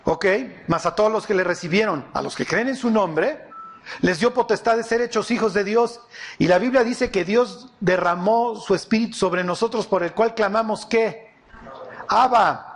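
A man preaching a sermon, animated and often quizzing his audience with questions. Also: high voice, moderate pace, a little hiss or hum.

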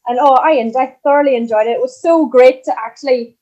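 A dull, slightly lo-fi recording of a young woman with a Donegal accent. Her voice is fairly high yet very mellow, and she chats casually as a guest. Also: fast. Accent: Donegal, Ireland. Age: young adult. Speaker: podcast guest, country singer. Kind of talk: casual chat.

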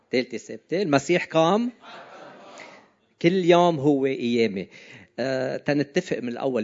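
This is an informal sermon from a man, a preacher with a Levantine Lebanese Arabic accent, who chats with his listeners and keeps putting questions to them. The voice is mid-range and darkish, and the sound quality is slightly dull and lo-fi.

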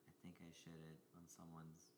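A man's voice: very deep voice, completely flat delivery, moderate pace, a little mellow. A man in his twenties from New Jersey, chatting casually as a guest, rambling with lots of filler words and restarts. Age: 20s. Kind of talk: casual chat.

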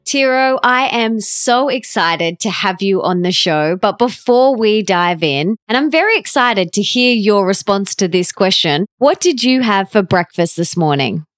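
A woman's voice: medium pitch, lively intonation, a little slow, few pauses, faint music behind. A woman hosting a podcast, reading her intro and interviewing with gushing enthusiasm. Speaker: podcast host. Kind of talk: scripted intro, then interview.

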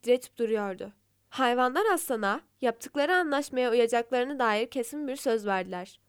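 A woman calmly narrating fables in a scripted storytelling style. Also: a little high, moderate pace, clean tone, no room sound, clean studio sound.

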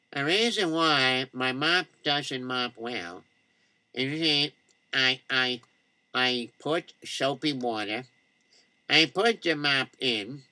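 A man voicing a muddled, timid male customer who stammers and mumbles slowly. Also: mid-range voice, pushed and bright, clean tone, no echo, pitched below the performer's own voice. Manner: hesitant, stammering.

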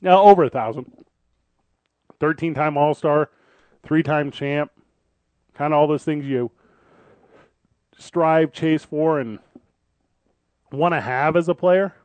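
A man's voice: on the high side, slow pace, pauses often, darkish tone, no echo. A man hosting a sports radio show in casual, conversational talk, often repeating and rephrasing as he builds a point.

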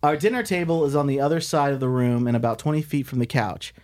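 A man's voice: medium pitch, fast talker, a little mellow. A man hosting a comedy podcast, bantering and reading posts aloud in a crude, irreverent, profane way.

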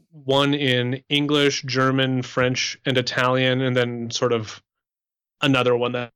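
A young Canadian man appears as an interview guest, explaining his life as a musician in an animated, conversational way that shows a sociable, extroverted nature. His voice is smooth and medium-pitched, though the audio quality is poor.

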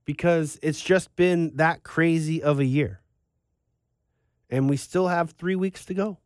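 A man's voice: fairly high pitch, steady tone, unhurried, a little mellow, dry recording, clean studio sound. A man hosting a sports podcast, talking in a casual, rambling, conversational way.

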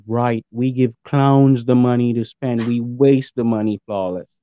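A man's voice: medium pitch, fairly even intonation, measured pace, dull audio. A man speaking as a podcast guest in casual, opinionated football chat, emphatic and repeating his points. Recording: thin, band-limited remote call sound.

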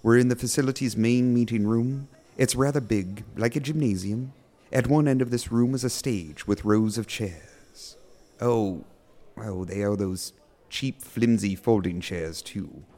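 An actor playing a pompous, eager horror podcast host with theatrical, formal phrasing in a scripted audio drama. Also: male voice, fairly low pitch, measured pace, dark tone, lightly acted. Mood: chatty, curious.

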